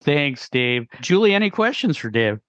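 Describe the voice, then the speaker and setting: A man's voice: fairly high pitch, sing-song, normal speed, a bit bright, dry recording, dull audio. Man moderating a podcast discussion. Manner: steering the conversation, posing questions.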